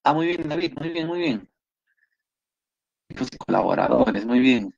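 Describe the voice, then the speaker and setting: Encouraging Peruvian biology teacher, dull lo-fi audio. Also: male voice, medium pitch, lively intonation, a little slow, gravelly, darkish tone. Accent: Peruvian Spanish. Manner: encouraging, repeats praise often. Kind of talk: online class, reviewing exam questions.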